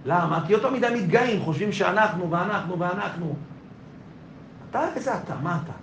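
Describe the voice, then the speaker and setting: High-voiced rabbi preaching in an echoey room. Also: male voice. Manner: emphatic, repeats phrases, acts out dialogue in soft voice. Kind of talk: sermon. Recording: echoey room with faint noise.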